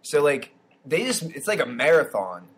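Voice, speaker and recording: A young man chatting casually on a podcast, his voice sitting a touch higher than most men's. He rambles through his stories and keeps circling back with fillers and restarts. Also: sing-song, normal speed, a bit bright, husky. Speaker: podcast co-host. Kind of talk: casual chat.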